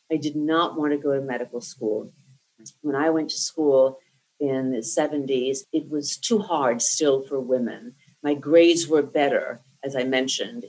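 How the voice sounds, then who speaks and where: Her pitch is extremely low and her tone darkish, heard through a rough recording. A woman in her sixties from New Jersey, first speaking Lithuanian, she shares her life story in a reflective, articulate oral history interview.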